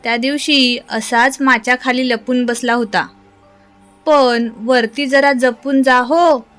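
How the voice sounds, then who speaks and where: A stern village mother scolds her boy in a firm, high voice, as a woman reader puts her on in a storybook reading. The words come slowly and deliberately, with faint music playing underneath. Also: fairly even intonation, a bit bright. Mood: scolding.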